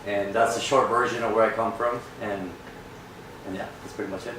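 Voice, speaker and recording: Speaking a little quickly, a young Peruvian man with a lowish, steady and fairly bright voice shares his story as a real estate agent guest. The casual interview has an earnest, reflective feel, recorded far from the mic in an echoey, noisy space.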